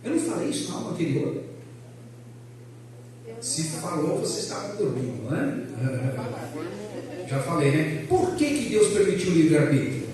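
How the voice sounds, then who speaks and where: A man, a pastor teaching a Bible class in a loud, animated way, joking with the class and putting questions to them. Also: a little high, unhurried, long pauses, a crowd in the background. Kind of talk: lively church class lecture. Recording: echoey room, voice from a distance.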